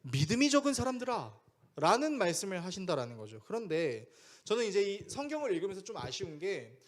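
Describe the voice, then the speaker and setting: A man's voice: sing-song, brisk. A man preaching a sermon as pastor, speaking conversationally and asking the congregation questions. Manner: acts out quoted voices with big pitch swings.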